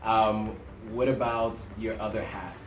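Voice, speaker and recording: A man's voice: fairly low pitch, little pitch movement, a little slow, recorded from a distance. An American man hosting an interview, curious and steering the talk with questions and short replies. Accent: American English. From United States. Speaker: interview host. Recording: echoey room, off-mic, faint noise.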